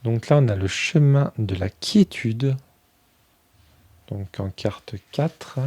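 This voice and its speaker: A man chatting casually through a review of a tarot deck, filling pauses with "euh" and thinking aloud as he goes. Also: mid-range voice, animated, mellow. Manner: chatty, many fillers, thinks aloud while flipping cards.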